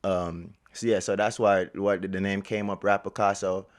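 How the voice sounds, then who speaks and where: A Jamaican man who owns a media platform chats as an interview guest in a low-pitched, steady voice at normal speed. His talk is slangy and laid-back, full of "you feel me."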